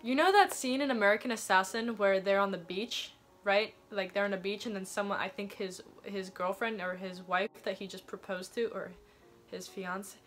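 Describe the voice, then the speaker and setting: A woman's voice: medium pitch, moderate pace, fairly bright tone, faint music behind. A twenty-year-old woman chatting casually and reading aloud in an embarrassed, self-mocking way, with theatrical asides. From Thailand. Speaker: vlogger reading her teenage diary. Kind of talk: casual chat mixed with reading aloud from a diary.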